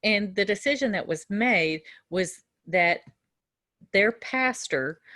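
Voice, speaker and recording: A middle-aged woman teaching nursing students in a relaxed lecture, telling a story from her own work with fillers and restarts. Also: lowish voice, no echo, studio quality. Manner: conversational, with frequent fillers and restarts. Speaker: nursing instructor. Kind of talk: recorded lecture with a personal story.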